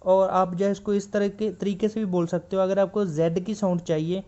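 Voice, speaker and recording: A man teaching shorthand in a classroom style, patiently repeating each point and reading textbook lines slowly. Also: high-pitched, flat delivery, mellow, muffled recording. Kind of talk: classroom explanation.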